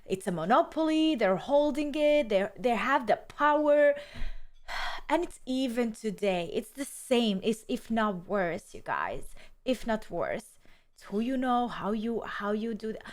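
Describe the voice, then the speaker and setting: Chatty woman, high voice. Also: sing-song, measured pace. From Bosnia. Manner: emphatic, chatty, rambling asides to viewers. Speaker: reaction video host. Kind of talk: casual reaction commentary.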